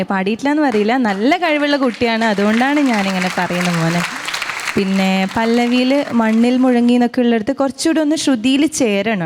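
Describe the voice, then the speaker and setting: A woman's voice: fairly high pitch, a little mellow. A woman judging a child singer on a TV talent show, affectionate and teasing as she critiques. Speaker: judge.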